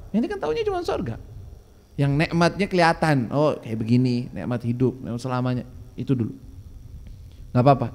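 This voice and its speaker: A fairly high-pitched man gives a casual religious lesson. He reads scripture slowly and carefully, then breaks into quick, pointed rhetorical questions at his listeners. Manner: lively, fires rhetorical questions and reads Arabic lines slowly before explaining them. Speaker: religious teacher leading a kitab study.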